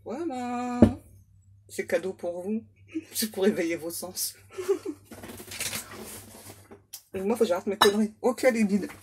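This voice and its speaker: A woman's voice: medium pitch, normal speed, a little hiss or hum. A woman medium giving a casual oracle card reading, chatty and self-mocking as she banters aloud with her spirit guides.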